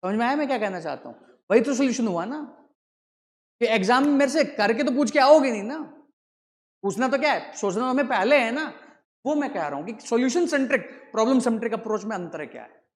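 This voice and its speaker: A man's voice: extremely high pitch, animated, quick pace. A man teaching a class, constantly quizzing students with rhetorical questions, recorded in a large classroom. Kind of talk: classroom lecture. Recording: echoey hall with long reverb.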